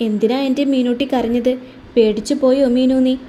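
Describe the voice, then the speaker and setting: A fierce, protective young man in a storybook romance, voiced by a woman narrator. He bursts out in loud anger and turns gentle toward the girl he loves. The voice sits high and soft-toned. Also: steady tone, normal speed, a little hiss or hum, lightly acted. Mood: tender. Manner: angry, loud outbursts, then tender.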